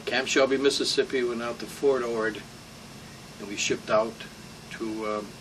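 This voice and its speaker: An elderly American man, a war veteran, remembering his service in a rambling, salty, informal interview. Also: lowish voice. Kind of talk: informal oral-history reminiscence. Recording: distant mic with room hum.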